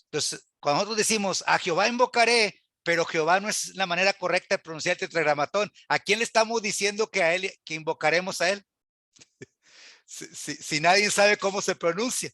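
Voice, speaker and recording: Man, church Bible teacher, earnest, rhetorical questions, high bright voice, dry close sound. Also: fairly quick, no echo. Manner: earnest, rhetorical questions, quotes scripture aloud. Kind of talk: church class lecture.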